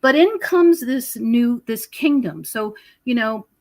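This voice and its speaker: Taking it slowly, a US podcast guest who researches prophecy and UFOs explains her ideas emphatically in a conversational style. Her fairly high voice carries lively intonation.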